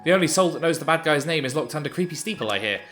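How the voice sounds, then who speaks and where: Guy reading a snide gossip crow, conspiratorial, bright voice. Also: on the high side, animated, rapid-fire, soft background music. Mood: sly.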